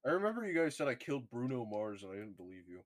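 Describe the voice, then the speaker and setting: A man's voice: medium pitch, sing-song, very fast, no room sound. A man co-hosting a casual podcast chat, jokey, asking the group questions. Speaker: podcast co-host.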